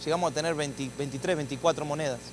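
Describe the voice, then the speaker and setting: A man's voice: fairly high pitch, fast talker, slight background noise, low-quality recording. A man, a pastor preaching a sermon, telling his testimony and acting out the dialogue before rising into emphatic preaching. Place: church sanctuary.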